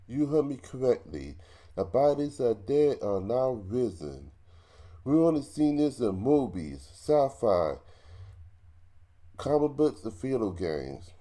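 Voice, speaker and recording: In an ASMR roleplay, a man delivers an emergency broadcast announcement, halting, repeating himself, and stumbling. His voice is medium-pitched and mellow.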